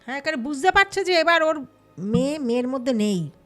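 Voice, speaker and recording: A woman telling a true ghost story casually, lively and acting out the people she quotes. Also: high voice, a little fast, faint music behind. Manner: lively, acts out quoted voices. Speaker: storyteller guest.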